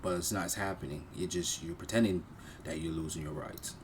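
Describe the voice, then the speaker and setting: A man's voice: low-pitched, fairly even intonation, a little fast, noisy background. A man hosting a reaction video, talking bluntly and mockingly in casual commentary. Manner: blunt, mocking, repeats himself.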